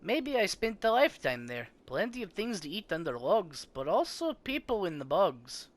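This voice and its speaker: A man's voice: high voice, very animated, pitched above the performer's own voice. A man doing a sing-song riddling bog-dweller. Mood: playful. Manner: slow, sing-song, rhyming.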